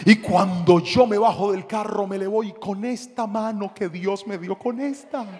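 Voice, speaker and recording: A male pastor, telling a story in a sermon and shouting out the dramatic moments. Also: high-pitched, a little slow. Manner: animated, shouting the action. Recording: long hall reverb, faint noise.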